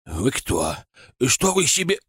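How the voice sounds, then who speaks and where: A man's voice: wildly swooping pitch, a little slow, breathy edge, no room sound, studio quality, full character voice. A man doing a stammering terrified merchant. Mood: panicked. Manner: stammering, whining, shrill. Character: frightened stout stammering male merchant.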